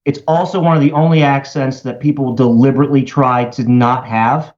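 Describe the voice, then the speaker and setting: A man from Baltimore, a musician guest on a podcast, telling animated, rambling stories in casual chat. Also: medium pitch, brisk, highs cut off. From Baltimore, USA.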